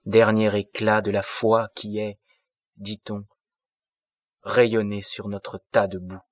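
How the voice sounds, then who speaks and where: A man's voice: on the low side, level tone, slow, dry recording, clean studio sound. A man reading the lines of a kindly, naive old pastor in a storybook reading. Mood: explaining. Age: older.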